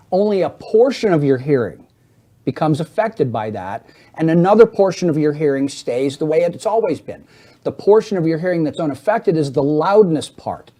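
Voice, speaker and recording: A middle-aged man with a slightly high, mellow voice appears as a hearing aid specialist guest on a talk show. He explains hearing to the hosts in a didactic, teaching style, acting out little everyday scenes.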